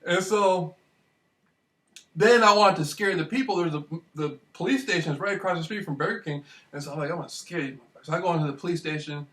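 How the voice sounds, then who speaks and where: A young man from Michigan telling a rambling, excitable story in a casual monologue, swearing now and then. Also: fairly high pitch, brisk. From Michigan, USA. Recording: voice distant from the mic.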